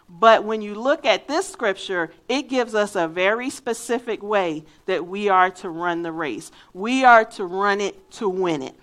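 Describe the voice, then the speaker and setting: A Philadelphia woman with a faint local accent and a medium-pitched, fairly bright voice. She preaches a sermon earnestly and emphatically, weaving in a personal story.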